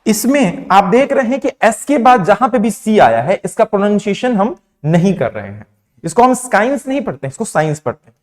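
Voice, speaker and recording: A young man from India gives a classroom lesson on pronunciation. His voice sits high and moves a lot as he quizzes his listeners and answers for them. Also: very animated, a little fast, a little mellow. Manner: asks questions then answers them himself, mixing Hindi and English. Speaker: teacher.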